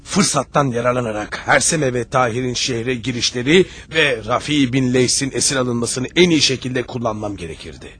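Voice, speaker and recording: Vizier in a period drama: mid-pitched, extremely husky, courteous yet urgently formal adviser. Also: male voice, normal speed, hardly any pauses, a bit bright. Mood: urgent, alarmed. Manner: formal, earnest pleading. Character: deferential, urgent vizier advising his prince. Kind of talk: historical drama dialogue.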